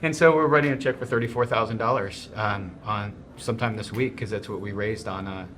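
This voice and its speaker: A man's voice: on the low side, noisy background. A man, a restaurant owner and chef, chatting as a guest in a casual conversation, enthusiastic and restarting his sentences often. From grew up in snowy region. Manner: enthusiastic, talks in quick bursts with restarts.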